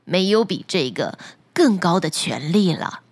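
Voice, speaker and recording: A woman's voice: on the low side, lively intonation, measured pace, dry recording, voice pushed down. A woman voicing a timid, meek fisherman who pleads fearfully with his wife in a bedtime story. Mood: pleading.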